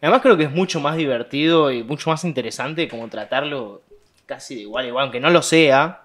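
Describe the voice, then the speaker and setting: A man's voice: mid-range voice, brisk, fairly bright tone. A man with an Argentine accent co-hosting a casual podcast chat, giving blunt, scornful opinions. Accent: Argentine Spanish. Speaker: podcast co-host. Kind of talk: casual chat among friends.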